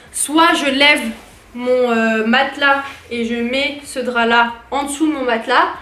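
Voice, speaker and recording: Young woman from france rambling about her haul, lots of euh, high pitched, faint hum behind. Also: fairly bright tone, echoey room. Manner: chatty, many fillers and restarts. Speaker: vlogger. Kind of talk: casual haul vlog chat.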